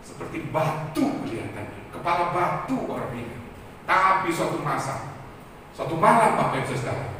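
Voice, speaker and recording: A man's voice: sits high, pushed and bright, slight background noise. A man preaching a fervent sermon as pastor, often addressing the congregation directly. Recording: echoey hall, from far off.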